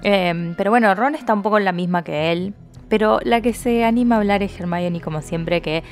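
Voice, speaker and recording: A woman's voice: mid-range voice, fairly quick, a little mellow, faint music behind. A woman co-hosting a podcast, chatting casually and animatedly, laughing often and using slang. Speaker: podcast co-host. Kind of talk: casual chat recapping a book.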